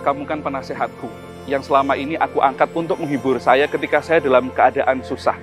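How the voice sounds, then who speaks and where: A man's voice: mid-range voice, natural voice. A man voicing a hot-tempered king in a told story, speaking in a raised, indignant, pleading tone.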